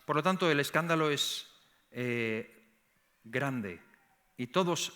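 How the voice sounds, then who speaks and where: A middle-aged man with a Spain Spanish accent preaching a sermon in church, animated, often repeating words and rising to emphatic peaks. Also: mid-range voice, slow pace. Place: church sanctuary.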